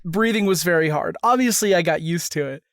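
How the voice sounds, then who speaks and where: A woman's voice: on the low side, a little fast, no room sound, studio quality. A woman from the Philadelphia area co-hosting a podcast in casual chat, joking playfully and laughing a lot. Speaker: podcast co-host.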